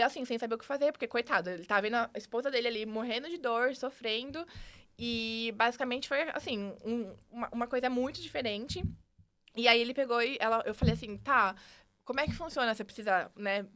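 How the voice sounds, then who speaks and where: Speaking quickly with a Brazilian Portuguese accent, a young woman appears as a podcast guest in a casual storytelling interview. Her slightly high voice carries animated energy as she jumps into quoted dialogue and restarts sentences.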